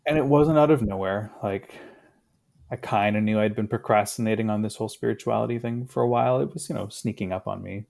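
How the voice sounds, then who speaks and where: A man in his thirties, a guest in a casual conversation, talking in a reflective, unhurried way with fillers. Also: fairly low pitch, vocal fry, darkish tone.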